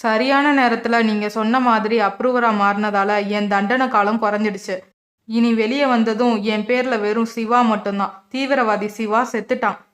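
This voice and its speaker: A woman's voice: on the high side, fairly even intonation, moderate pace, fairly bright tone, close to an everyday voice. A woman voicing a grateful, repentant former gangster who earnestly thanks his helper. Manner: earnest confessional.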